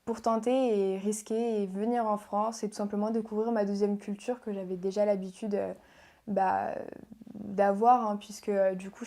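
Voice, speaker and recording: A young adult woman from Portugal, a beauty pageant contestant, answers interview questions as a guest. Her mid-range voice is soft and hesitant, full of pauses and fillers.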